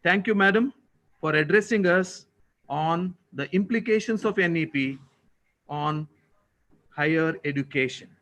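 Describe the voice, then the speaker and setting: A college official with an Indian accent delivers a formal, prepared thank-you speech. His voice is a little high with a fairly bright tone, and his phrasing is deliberate, ceremonious, and courteous.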